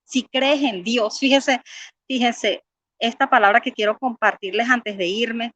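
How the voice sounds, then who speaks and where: A woman's voice: fairly high pitch, steady tone, unhurried, a bit bright, no room sound. A woman giving an earnest personal faith testimony, reading scripture aloud and often repeating words as she pleads with listeners.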